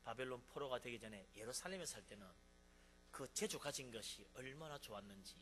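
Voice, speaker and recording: A man's voice: mid-range voice, animated, a little fast, a bit bright, faint music behind. A male pastor preaching a sermon, emphatic, asking rhetorical questions and acting out quoted laments.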